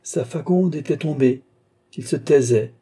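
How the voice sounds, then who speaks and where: A man narrating a short story in a measured storytelling manner. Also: a little high, warm tone, slightly rough.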